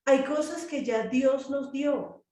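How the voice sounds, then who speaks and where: Woman Bible study leader, lively, acts out quotes; somewhat high voice, roomy distant sound. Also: takes it slowly. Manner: animated, acts out prayers and quotes in changing voices. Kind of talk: group Bible study teaching.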